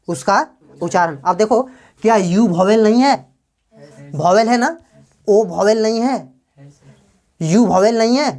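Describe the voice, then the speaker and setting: A woman teaches English grammar to a class, posing questions and then answering them herself while slowly drawing out example words. Her voice is mid-range and slightly mellow.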